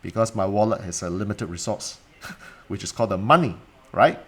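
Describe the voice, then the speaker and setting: A man's voice: lowish voice, normal speed, breathy edge. Blunt man with a strong Cantonese accent. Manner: blunt and emphatic, mildly swearing, with rhetorical questions and repetition. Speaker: coach and mentor teaching a live online class. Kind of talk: informal live online teaching.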